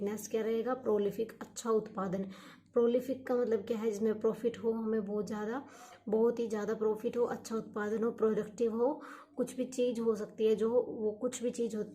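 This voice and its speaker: Warm, patient woman teaching vocabulary. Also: medium pitch, slight background noise. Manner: repeats each word and meaning many times, asks and answers her own questions; encouraging, urges students to study hard. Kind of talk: exam-prep vocabulary lesson.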